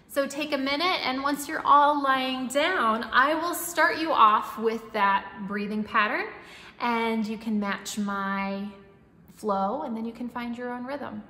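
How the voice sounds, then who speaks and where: A woman guides a breathwork meditation in a soothing, instructive manner, with long pauses, audible breathing and sighs. Her voice is a little high, pushed and bright, and the recording has an echoey, reverberant room with faint background noise.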